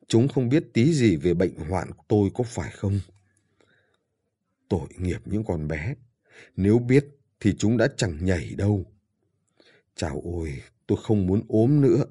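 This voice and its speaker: A man's voice: lowish voice, expressive, moderate pace, pauses often, dark tone, husky. A man reading an audiobook and voicing a frail dying old father in pain, who speaks in a weak, pleading way and pines for his daughters. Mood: pained, yearning.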